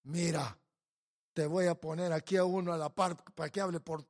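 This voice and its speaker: A man's voice: a little high, fairly even intonation, normal speed, darkish tone, lightly acted. A man preaching, voicing a stern, exasperated lord who scolds. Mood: scolding. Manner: gruff, scolding.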